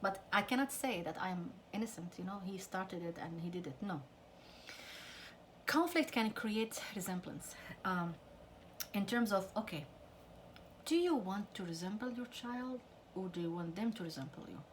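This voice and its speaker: A woman's voice: medium pitch, lively intonation, moderate pace, a little hiss or hum. A middle-aged woman counselor giving an earnest talk to parents about conflict with teenagers. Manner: earnest, acts out quoted parents and teens. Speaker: family counselor.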